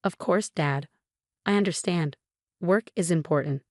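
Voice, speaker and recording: Cold snippy teen girl, woman reading her, lowish dry voice. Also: a little slow, dry recording, close to an everyday voice. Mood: brittle. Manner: curt, dismissive. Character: cold resentful teenage girl graduate.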